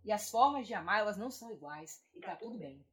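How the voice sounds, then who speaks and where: A woman in her thirties, talking in a gentle, reflective way as a podcast co-host, often asking "né?". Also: mid-range voice, animated, fast. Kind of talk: reflective conversation on self-acceptance.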